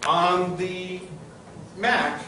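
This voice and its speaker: A middle-aged man with a fairly high voice speaks extremely slowly as he guides a campus tour, telling stories informally and asking his listeners questions along the way. He sounds far off from the mic in a noisy space full of echo.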